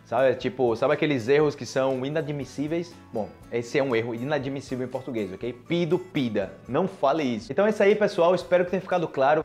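A Brazilian man in his thirties giving an informal language lesson, animated and emphatic, repeating key words and often checking that listeners follow. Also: a little high. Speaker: Portuguese teacher. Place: furnished living room, indoors. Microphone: clip-on lapel mic.

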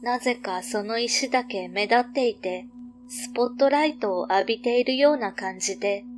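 A woman reading a scripted ghost story as narrator, measured and suspenseful, pausing between short phrases. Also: a little high, over music.

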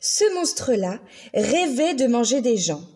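A woman reads a children's picture book aloud at an unhurried pace. Her voice is high and sweeps widely up and down, stretching out words for effect. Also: husky. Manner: slow, very expressive storytelling. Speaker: children's story reader.

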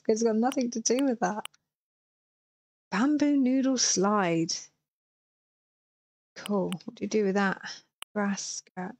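Speaking through a headset in a small indoor room, a Herefordshire woman in her thirties plays a game on a live stream, chatting casually and reading viewers' messages aloud. Her Welsh-border English accent comes in a medium-pitched, somewhat dark voice, with slight background noise.

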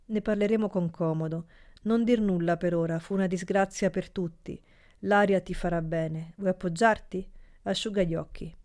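A woman's voice: fairly low pitch, steady tone, moderate pace, darkish tone, close to an everyday voice. A woman voicing a stern middle-aged uncle who speaks firmly in a storybook reading. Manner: firm, stern.

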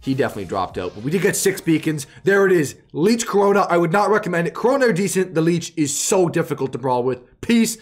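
A man doing live gameplay commentary as a hyped, excitable gamer bro who repeats his phrases, hosting his video. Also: on the high side, fast talker, few pauses, soft background music. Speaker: gaming video host.

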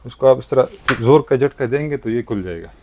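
A man, a shopkeeper demonstrating gadgets in a market shop. He talks in a brisk salesman's patter and keeps using polite forms of address. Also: medium pitch, lively intonation, noisy background. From Pakistan. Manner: brisk salesman patter, frequent "thik hai" and "janab-e-wala". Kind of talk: product demonstration sales pitch.

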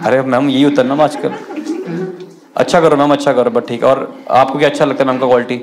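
A man's voice: medium pitch, little pitch movement, quick pace. A man doing stand-up crowd work, teasing the audience at a live comedy club show.

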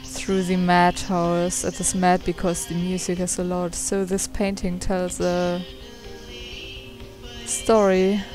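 A woman's voice: on the low side, completely flat delivery, slow pace. A woman hosting a let's play, musing aloud and stumbling as she reads dialogue options. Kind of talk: casual gameplay commentary. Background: faint game music.

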